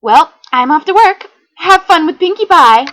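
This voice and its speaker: Brief: woman doing a playful pony mare, teasing, sing-song and high, swooping lilt. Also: lively intonation, normal speed, fairly bright tone. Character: teasing cream-colored female pony baker. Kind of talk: fan fiction reading.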